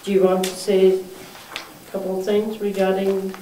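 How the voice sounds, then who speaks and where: Mellow-voiced woman chairing a council meeting. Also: mid-range voice, monotone. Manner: brisk, moves through agenda items. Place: council chamber, indoors, mid-sized room. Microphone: far room mic. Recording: echoey room, distant mic, faint hiss.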